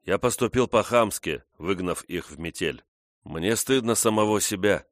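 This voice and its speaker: A man's voice: fairly low pitch, lively intonation, moderate pace, no room sound, clean studio sound, lightly acted. A man voicing a proud but ashamed young engineer who calls out earnestly.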